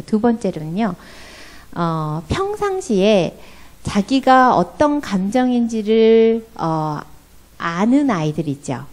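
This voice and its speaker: Woman, professor, church parenting seminar, mid-pitched voice, asks the audience questions, acts out parent and child voices. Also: darkish tone. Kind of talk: lecture to an audience. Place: church hall.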